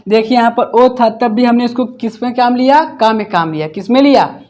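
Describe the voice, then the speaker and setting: A man's voice: very high voice, a little mellow. A man teaching English grammar in a class, asking each question and then repeating the answer himself. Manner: explains slowly, step by step. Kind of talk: classroom lesson.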